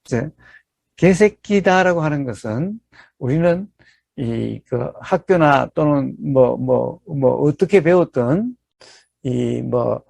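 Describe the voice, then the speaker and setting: A man's voice: mid-range voice, animated, slow pace, vocal fry, a little mellow, no room sound. A man giving a Buddhist dharma talk as a meditation teacher. He explains step by step, poses rhetorical questions and keeps checking in with his listeners.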